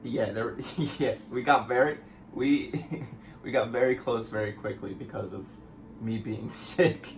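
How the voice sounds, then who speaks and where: A man's voice: medium pitch, fairly even intonation, a little slow, slight background noise, poor audio. A young man chatting casually as a guest on his girlfriend's vlog, laid-back and rambling, with restarts. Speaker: boyfriend guest. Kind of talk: casual chat.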